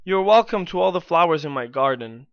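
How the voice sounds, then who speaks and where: A man's voice: fairly high pitch, expressive, brisk, no echo. A man playing a humble, naive little man in a storybook reading, earnest, meek and eager to please. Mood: meek, apologetic. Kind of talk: scripted storybook dialogue. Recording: dry, dull band-limited audio.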